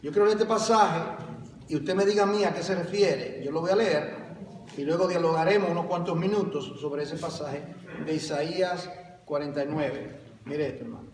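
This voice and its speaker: A male pastor preaching a sermon in a church, asking his listeners questions and calling them brother, swinging between loud emphatic bursts and quieter explanation. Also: on the high side, normal speed, a little hiss or hum. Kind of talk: Spanish-language church sermon. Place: church sanctuary. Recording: echoey church hall, mic from far off.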